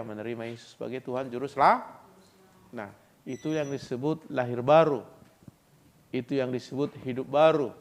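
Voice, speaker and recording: A man preaching a sermon as pastor, lively, acting out voices of others. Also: mid-range voice. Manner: lively preaching, acts out foreigners' voices and laughs.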